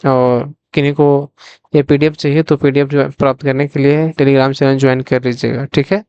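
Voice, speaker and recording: A man's voice: medium pitch, little pitch movement, a little fast, darkish tone, clear, resonant tone, no echo, muffled recording. A male coaching teacher giving a quiz-style revision lesson, repeating each question to the viewers before answering it himself. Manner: asks the viewers directly, then answers himself.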